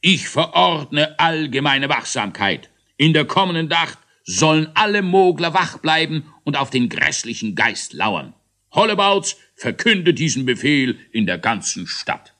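A man playing a pompous high-voiced creature ruler. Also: big pitch swings, sharp tone, exaggerated voice. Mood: commanding. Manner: pompous, commanding, drawn-out. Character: pompous male ruler of the Moglers.

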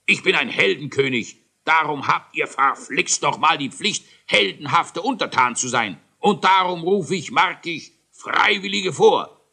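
A man voicing a hot-tempered, pompous dwarf king who booms and rants in a children's audiobook. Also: normal speed, pushed and bright. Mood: boastful. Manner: booming, ranting, indignant. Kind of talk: audiobook character voice.

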